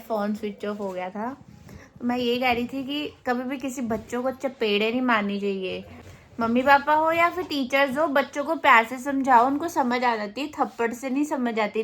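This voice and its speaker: Woman doing a storytime vlog, kinda high voice, lively, tosses in english words. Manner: animated, mixes English words. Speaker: storytime vlogger. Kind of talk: casual storytime chat.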